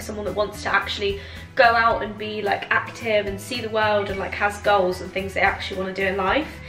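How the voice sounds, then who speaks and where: A woman's voice: medium pitch, a bit bright. Giggly, tipsy young British woman, roomy sound. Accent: British English. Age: 20s. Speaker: vlogger answering viewer questions. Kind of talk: casual chatty Q&A to camera. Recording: roomy echo, music behind.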